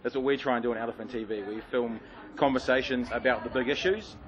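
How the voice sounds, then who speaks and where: Fast-talking man with a broad Kiwi accent. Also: mid-range voice, dull audio. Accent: broad New Zealand. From New Zealand. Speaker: interviewer, TV host. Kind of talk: casual interview chat.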